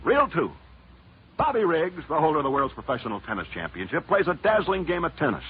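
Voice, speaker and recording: A man as a sports broadcaster, telling stories in dramatic 1940s radio newsreel narration with theatrical pitch swings. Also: big pitch swings, brisk. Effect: old radio newsreel broadcast. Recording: muffled old radio recording with loud music.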